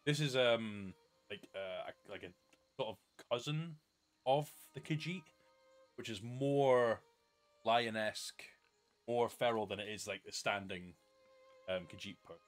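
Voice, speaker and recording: A man's voice: on the low side, measured pace, pauses often, faint music behind. A man giving casual, sweary live gameplay commentary into a close mic. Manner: sweary, informal. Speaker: game streamer. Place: small indoor gaming room with game audio.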